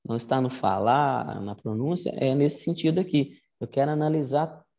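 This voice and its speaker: A gravelly, warm, medium-pitched male voice, expressive and at normal speed, leads a casual online Latin lesson. The teacher explains each point step by step in a conversational way, often checking in with "né?".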